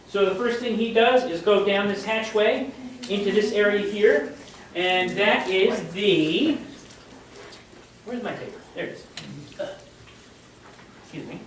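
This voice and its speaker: High-voiced man telling history in echoey hall. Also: slight background noise. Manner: chatty, keeps checking in with the audience. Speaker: history presenter. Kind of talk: live storytelling presentation to an audience. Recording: echoey room, voice from far off.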